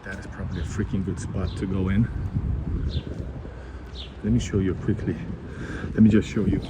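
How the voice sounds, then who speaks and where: Rambling man livestreaming over loud traffic. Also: deep voice, level tone, moderate pace. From Finland. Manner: casual, rambling commentary with restarts. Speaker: vlogger. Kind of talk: live walking stream. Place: city streets outdoors. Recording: outdoor stream with loud traffic. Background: loud street traffic.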